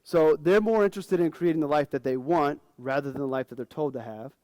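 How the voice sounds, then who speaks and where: A man's voice: on the high side, a little fast, dark tone, no room sound. A man in his forties, a financial advisor, giving a casual, frank conference talk to fellow advisors.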